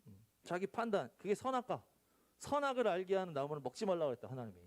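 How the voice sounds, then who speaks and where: A male youth pastor in his thirties giving a casual sermon to high school students. He talks in a chatty, animated way and acts out the dialogues he tells. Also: quick pace. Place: church.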